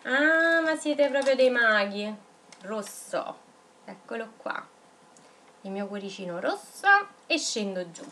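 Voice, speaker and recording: A woman teaching young children in a video lesson, dictating words slowly and spelling them out syllable by syllable. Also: fairly high pitch, a bit bright, a little hiss or hum. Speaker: primary school teacher.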